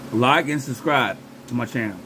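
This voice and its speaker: A man's voice: mid-range voice, normal speed, bright, forceful tone, slight background noise. A man hosting a casual food challenge vlog, his mouth burning from spicy food, with hiccups and a runny nose from the heat. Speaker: challenge host on own channel.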